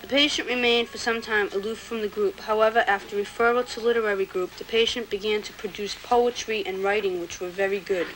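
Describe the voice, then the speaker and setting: A nineteen-year-old woman reciting her own poem and reading records aloud in a plain, earnest way, with some halting restarts, heard from a worn VHS tape copy. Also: mid-range voice, steady tone, fairly bright tone, soft background music, low-quality recording. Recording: hissy worn videotape copy.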